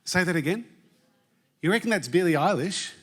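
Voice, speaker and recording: A man's voice: high-pitched, animated, normal speed, a bit bright. Jokey man presenting on stage. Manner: jokey, chatty, quizzes the crowd. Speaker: conference presenter. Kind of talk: lively keynote talk to a live audience. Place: conference stage before an audience.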